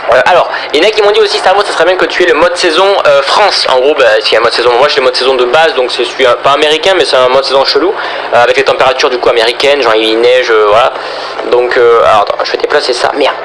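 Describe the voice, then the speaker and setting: A man's voice: medium pitch, noisy background. A young man hosting a gaming video, chatting casually and rambling as he plays and talks to his viewers. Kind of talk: casual gameplay commentary.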